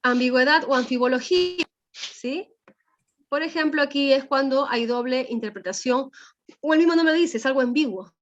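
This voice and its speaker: Woman teacher, fairly high voice, explanatory class lecture, dull lo-fi sound. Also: normal speed. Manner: explanatory, checks in with frequent tag questions. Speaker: language teacher.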